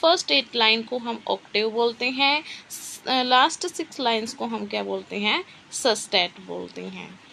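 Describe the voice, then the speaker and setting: Slow-talking woman teacher, gravelly and bright. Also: on the high side, slight background noise, rough recording. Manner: explains slowly, asks and answers her own questions. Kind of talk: exam-prep literature lesson.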